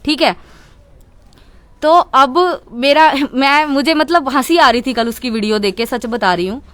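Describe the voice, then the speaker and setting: A young woman from Chandigarh talks to the press in a high voice, firm and indignant as she presses her case. The sound is dry and close, with no room around her. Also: a little slow, fairly bright tone, dry recording. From Chandigarh, India. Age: young adult. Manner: indignant, insistent, keeps repeating "okay". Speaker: interviewee speaking to media. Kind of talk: heated media interview.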